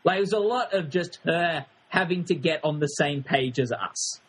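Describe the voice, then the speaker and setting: A man's voice: fairly high pitch, normal speed, a little hiss or hum. A man co-hosting a podcast, giving drily critical opinions in a casual, hesitant way with many restarts. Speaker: podcast co-host. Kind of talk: casual review chat.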